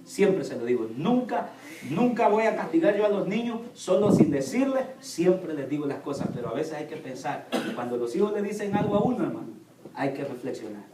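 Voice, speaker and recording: Male pastor, high voice, sermon-style storytelling, caught from a distance in a church. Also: fairly quick, very noisy. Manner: storytelling, quotes his children in a lively voice. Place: church hall. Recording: echoey church hall from far off.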